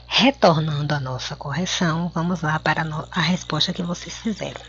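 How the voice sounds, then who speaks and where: A Brazilian schoolteacher with a fairly low, slightly bright voice gives a recorded classroom lesson, speaking slowly and clearly with fairly even intonation, stretching and spelling out words for young pupils. Her accent is Brazilian Portuguese. The audio is dull and lo-fi, with a little hiss or hum and faint crickets in the background.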